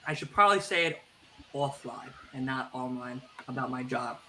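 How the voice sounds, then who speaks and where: A man's voice: mid-range voice, moderate pace, pushed and bright. A man co-hosting a podcast, rambling casually with lots of fillers and restarts, self-deprecating. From Italian family background. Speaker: podcast co-host. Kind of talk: casual chat. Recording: streamed podcast with faint background noise.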